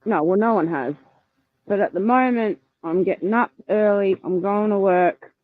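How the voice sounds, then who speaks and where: A woman's voice: mid-range voice, moderate pace. A woman calling in through earbuds with a tinny sound, coming down with a cold, talking in a blunt, dry, weary way. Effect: tinny earbud mic over a call. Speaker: remote caller on a livestream. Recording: tinny, dry, phone-like call audio.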